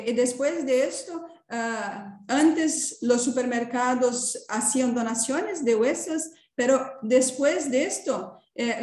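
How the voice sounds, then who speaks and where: A woman's voice: a little high, a little mellow. A woman in her thirties, a native Portuguese speaker with a Brazilian accent, giving a seminar presentation and hesitantly searching for words. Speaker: academic presenter. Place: indoor room. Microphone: video call. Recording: roomy, echoing video call.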